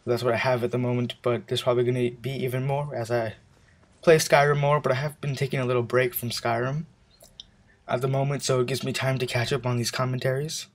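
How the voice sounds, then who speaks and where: A man's voice: medium pitch, flat delivery, brisk. A young man out of breath, giving casual, rambling gameplay commentary with lots of fillers and self-corrections.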